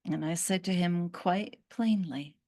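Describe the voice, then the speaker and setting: In a fairly low, mellow voice, a woman speaks as a formerly cursed fig tree spirit. Her storytelling is slow and earnest, broken up by long pauses.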